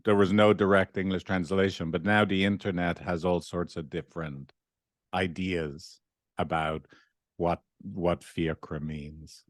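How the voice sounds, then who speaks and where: Middle-aged man, Dublin Irish accent, lowish pitch, dry sound, casual interview storytelling, rambling and conversational. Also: fairly even intonation, unhurried, no echo. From Dublin, Ireland. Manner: rambling, conversational, often asks "right?". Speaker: podcast guest, relationship therapist.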